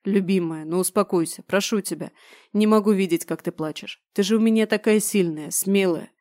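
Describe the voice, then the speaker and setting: A woman voicing a young male general who tenderly pleads with his crying wife, soft and affectionate, in an audiobook reading. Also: medium pitch, normal speed, no room sound, clean studio sound, natural voice. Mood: pleading. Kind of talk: audiobook narration.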